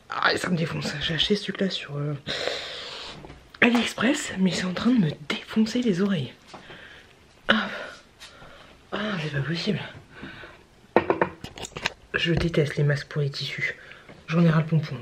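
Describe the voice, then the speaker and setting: A woman's voice: deep voice, background noise. Chatty woman vlogging at home. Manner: chatty, grumbling, often drops to a half-whisper. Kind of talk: casual vlog chat to camera.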